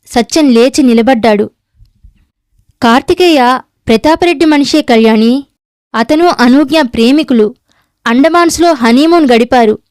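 A woman's voice: high-pitched, a little mellow, clear, resonant tone, no room sound, clean studio sound. A woman narrating a novel aloud, reading every character's lines herself in a near-natural voice. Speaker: audiobook narrator.

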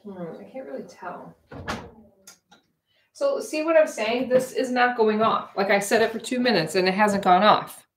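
A woman in her forties hosts a live cooking stream, baking in her home kitchen while a camera on the counter records her. She chats with viewers in a rambling, casual way, her fairly high voice moving at a normal speed.

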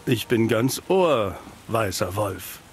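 A man's voice: on the low side, sing-song, slow pace, heavily acted. A male actor playing a world-weary, cynical private detective in a fantasy video game, with a dry noir drawl. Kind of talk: scripted video game dialogue in German dub.

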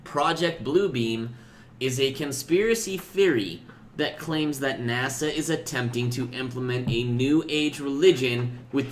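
A man co-hosting a casual cannabis podcast, clearing his throat often and stumbling over words as he reads a text aloud. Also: mid-range voice. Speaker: podcast co-host. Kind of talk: casual chat, reading aloud from a web page.

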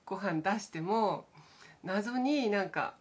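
A middle-aged woman, a pianist hosting a morning live stream, talking in a meandering, casual way full of hesitations and soft self-amused asides. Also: mid-range voice, lively intonation, slow pace, breathy edge. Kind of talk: casual rambling chat.

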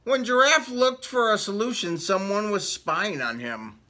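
In a room full of book cut-outs, a children's story reader performs a picture book with theatrical flair, pausing to ask the kids casual questions. His high voice has a sharp, sing-song quality, and his pace is measured.

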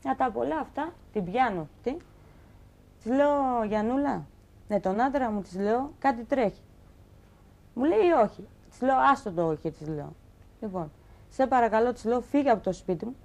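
Young woman, talk-show guest, animated storyteller who acts out quoted lines; fairly high voice. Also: vocal fry. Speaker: guest telling her story. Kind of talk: emotional personal account on a talk show.

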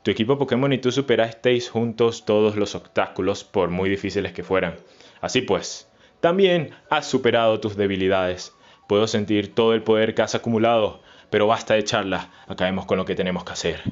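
A man reading aloud the lines of a calm adult female league champion in his own voice, with a measured delivery. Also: fairly low pitch, highs cut off, close to an everyday voice. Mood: solemn.

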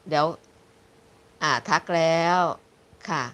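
Middle aged lady doing a fortune telling livestream, low-ish voice, chatty and polite, stumbles reading comments. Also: fairly even intonation, slow pace, fairly bright tone. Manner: polite, chatty, reads comments aloud and stumbles over words. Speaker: fortune teller livestream host. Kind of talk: casual livestream chat reading viewer comments.

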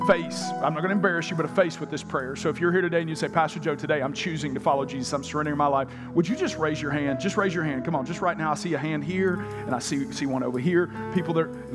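Man preaching in a big echoey church. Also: a little high. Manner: storytelling, shouting quoted lines, then altar call. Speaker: pastor. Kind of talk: sermon. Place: large church auditorium. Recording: live church hall with music behind.

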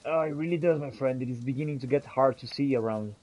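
This fast-talking man, mid-range and darkish in tone and close to his everyday voice, role-plays a musing fantasy adventurer while playing a video game. He remarks on his journey in theatrical, archaic phrasing as friendly in-character commentary, over poor audio.

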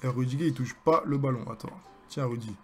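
A young man with a French accent commentating his own basketball video game, excitable and joking as he hypes his plays. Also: mid-range voice, a little fast, soft background music. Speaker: gaming streamer. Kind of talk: live gameplay commentary.

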